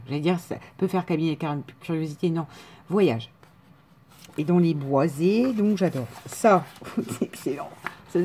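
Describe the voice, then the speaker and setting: A woman's voice: fairly low pitch, dark tone, a little hiss or hum. A woman unpacking craft gifts in a casual vlog, chatting and rambling, often correcting herself and laughing. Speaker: crafter showing a mail swap. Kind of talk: casual show-and-tell vlog.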